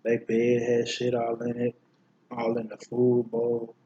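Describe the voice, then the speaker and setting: Flat-voiced man telling a blunt story. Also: mid-range voice, measured pace, husky, dull audio. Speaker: vlog co-host. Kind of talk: casual chat while eating.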